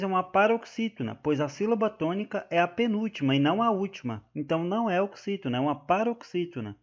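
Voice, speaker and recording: A Brazilian Portuguese-accented male teacher slowly and patiently explains grammar for exam prep, stretching out the example words. His voice sits high, and the sound quality is lo-fi.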